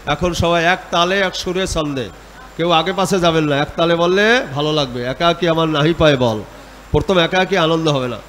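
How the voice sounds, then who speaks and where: A man with a high, ringing voice guides a group through devotional chanting. He instructs plainly and exhorts the listeners to join in. A faint hiss sits under his voice. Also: moderate pace, a bit bright. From Bengal.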